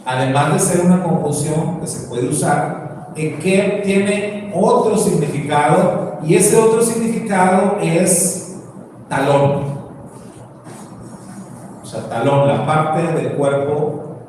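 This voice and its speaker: A man with a Mexican Spanish accent, teaching a sermon slowly and asking rhetorical questions. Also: fairly high pitch. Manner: slow, explanatory, asks rhetorical questions. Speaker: preacher. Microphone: distant from the mic. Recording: echoey hall, distant mic, faint noise.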